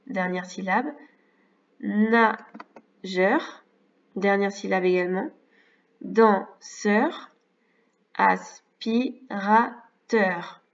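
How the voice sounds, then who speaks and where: Woman, French accent, school teacher, slow patient explaining, mic set back, dull sound. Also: mid-range voice, fairly even intonation. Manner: slow, careful, explains step by step. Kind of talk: correcting exercises for young pupils. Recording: distant, slightly dull mic.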